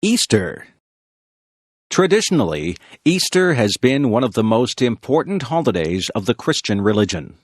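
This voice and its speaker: An American man narrates a learners' lesson in a slow, clear reading voice. His pitch moves in a lively, sing-song way, and the sound is dry and close to the mic. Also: no room sound. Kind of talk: scripted narration.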